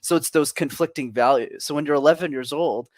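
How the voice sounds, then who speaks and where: A young man from Canada, a podcast guest, telling stories in energetic, extroverted casual chat. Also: a little high, fairly quick, no echo, studio quality.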